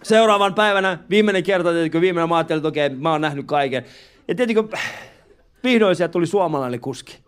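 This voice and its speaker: A man performing a stand-up comedy set live in a club, telling a story in an animated way, acting out other people and swearing often. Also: fairly high pitch, clear, resonant tone. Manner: animated storytelling, acts out taxi drivers; frequent swearing and filler words. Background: audience laughter.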